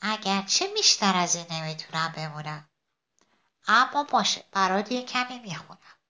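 A woman voicing a kind, beautiful bird who speaks in a gentle, encouraging way. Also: mid-range voice, sing-song.

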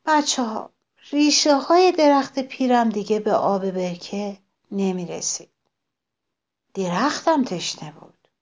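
A woman reading a story aloud to children, expressive and addressing them directly. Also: medium pitch.

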